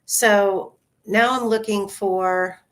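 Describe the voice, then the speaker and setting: Sharing her screen on a video call, a woman walks through trial photos one at a time in a steady, methodical way. Her pitch is medium and her pace slow, picked up by a computer mic with rough quality in this casual online discussion.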